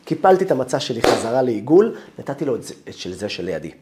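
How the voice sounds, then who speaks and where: A rabbi tells a personal story in his sermon, his voice rising and falling with animation. He draws listeners along with vivid first-person narration. His pitch sits at an ordinary male middle. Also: very animated, heavy background noise.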